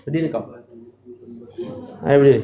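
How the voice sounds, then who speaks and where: A man's voice: medium pitch, normal speed. Male medical lecturer, brash and joking, constant quizzing; roomy classroom echo. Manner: quizzing students, joking, brash direct address. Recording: roomy echo, faint room noise.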